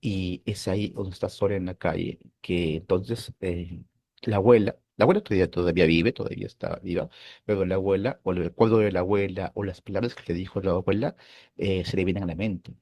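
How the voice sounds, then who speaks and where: A man hosting a philosophy channel, talking through a film in a thoughtful, hesitant way, often pausing and checking in with his listeners. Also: low voice, steady tone, a little mellow. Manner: thoughtful, hesitant, with frequent "eh" and tag questions. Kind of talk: casual film commentary.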